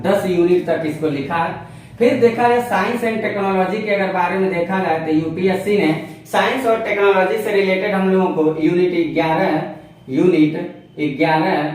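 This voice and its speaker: A man with a slightly higher voice teaches at a whiteboard and repeats each key term as he writes. He is recorded from a distance in a very echoey room, so his voice bounces around the walls. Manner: repetitive, explains step by step while writing on a board. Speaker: exam-prep teacher. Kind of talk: whiteboard lecture.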